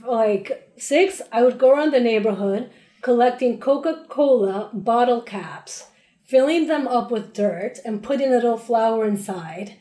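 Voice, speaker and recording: A woman's voice: fairly high pitch, reverberant. A woman from Peru, a spirits brand founder, chatting animatedly as an interview guest with plenty of fillers. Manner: animated, playful, many fillers. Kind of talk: casual interview chat.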